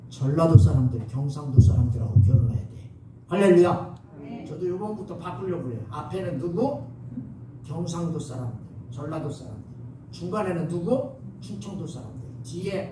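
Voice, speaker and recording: High-voiced pastor in an echoey church. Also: male voice. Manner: lively, coaxing the congregation to respond. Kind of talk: sermon. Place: church sanctuary. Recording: echoey church hall from far off, faint noise.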